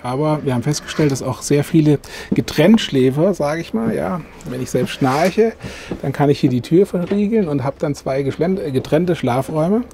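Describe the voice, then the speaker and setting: Inside a camper van at a trade fair, a middle-aged sales manager gives an interviewer a tour, his pitch full of frequent "ähm"s. He talks at normal speed with a warm tone and some vocal fry, and the close recording carries a little hiss or hum.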